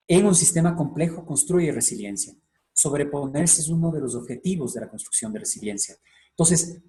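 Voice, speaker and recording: A man, the guest speaker, explaining a concept in a deliberate way with frequent hesitations over a video call. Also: medium pitch, warm tone. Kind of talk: expert explanation.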